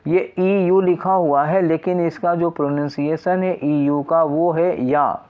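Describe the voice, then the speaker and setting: A man's voice: on the high side, steady tone, takes it slowly, smooth, narrow, tinny audio. Man teaching an exam prep lesson. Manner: explains step by step, asking and answering own questions.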